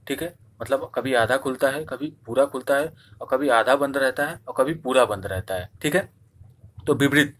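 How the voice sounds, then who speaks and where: A man runs an exam-prep grammar lesson at a steady, mid-pitched register. He repeats key points and asks himself questions before answering them. He draws out vowel sounds when demonstrating them. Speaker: teacher.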